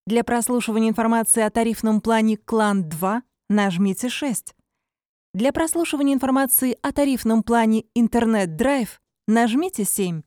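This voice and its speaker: High-pitched woman's phone menu voice. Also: a little mellow, dry recording, clean studio sound. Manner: measured, formulaic announcing of options. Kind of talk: scripted phone menu voice prompts.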